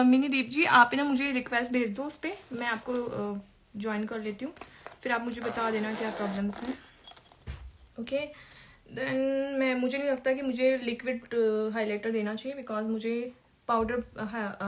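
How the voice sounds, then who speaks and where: Woman makeup teacher on a live stream, slightly high voice, chatty and informal, answers viewers as she works. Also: slight background noise.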